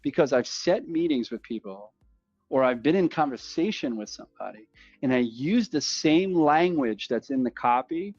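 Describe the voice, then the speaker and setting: A man's voice: mid-range voice, moderate pace, no room sound, soft background music. Guy riffing about cold calls, keeps repeating himself, kinda dull lo-fi audio. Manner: energetic, repeats himself, acts out sales calls. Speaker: guest. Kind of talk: casual podcast conversation.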